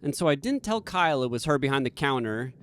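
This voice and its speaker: A man from Boston telling a self-deprecating personal story as a podcast host, animated and emphatic. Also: mid-range voice, fast talker, slight background noise.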